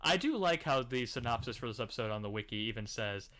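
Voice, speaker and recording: A man's voice: medium pitch, lively intonation, fast talker, fairly bright tone. A man co-hosting a casual podcast, running through episodes and steering the talk. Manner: chatty, leads the episode rundown. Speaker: podcast co-host.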